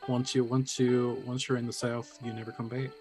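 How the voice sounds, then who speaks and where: Relaxed man running the game. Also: mid-range voice, moderate pace, faint music behind. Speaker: game master. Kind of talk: casual tabletop game chat.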